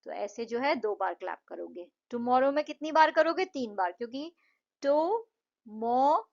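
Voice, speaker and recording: A woman tutor, her voice a little high, takes children through an English lesson. She talks patiently and stretches words out slowly to show each syllable. The recording sounds dull and lo-fi. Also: gravelly. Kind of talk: Hindi-English explanation of a textbook lesson.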